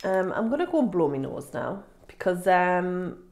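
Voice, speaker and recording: Congested and nasal, this woman does a casual makeup review to camera as a beauty vlogger, sniffling and joking at her own expense in an informal way. She speaks at a moderate pace in a fairly low, darkish voice with big pitch swings, and the room sounds echoey.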